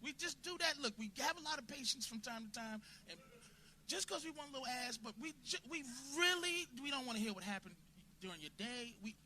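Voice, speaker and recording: A man doing a crude, confrontational stand-up set in a comedy club, bursting into shouts at hecklers. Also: very high-pitched, lively intonation, fairly quick, a little hiss or hum.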